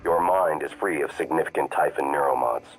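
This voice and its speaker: A calm ship computer with a very low voice and a measured, even delivery. It sounds like a composed AI operator from a video game. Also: male voice, faint music behind. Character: calm male AI operator robot.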